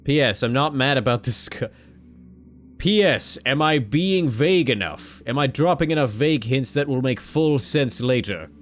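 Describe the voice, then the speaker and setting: A man hosts a let's-play video, reading the game's text aloud, joking, swearing casually and breaking into sudden loud, high-pitched exclamations. He's expressive and talks at a normal speed over faint background music.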